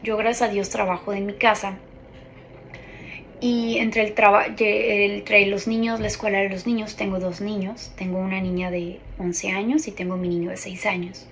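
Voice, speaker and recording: A woman in her thirties shares a personal faith testimony in an earnest, confiding tone. Her voice has a steady middle pitch with a gravelly fry running through it, and faint noise sits beneath it. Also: normal speed, poor audio. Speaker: ministry coordinator.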